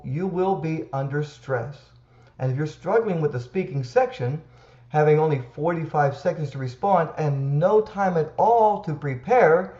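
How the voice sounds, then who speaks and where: A male tutor with a fairly high voice talks slowly and deliberately, coaching in a calm, reassuring way. The recording sounds roomy and slightly dull, as if captured in a bare room. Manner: slow, emphatic and reassuring, counting breaths aloud. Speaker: TOEFL tutor. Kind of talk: direct-to-camera teaching.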